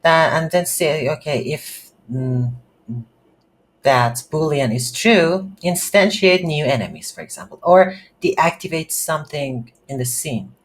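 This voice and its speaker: This slow, hesitant game development instructor narrates an unscripted screen-recorded tutorial, thinking aloud in short phrases. The mid-range voice carries lively intonation. The audio is poor, with faint background noise.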